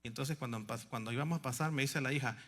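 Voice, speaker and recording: A male pastor telling a story in a sermon, swinging between hushed passages and loud, emphatic ones. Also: mid-range voice, racing.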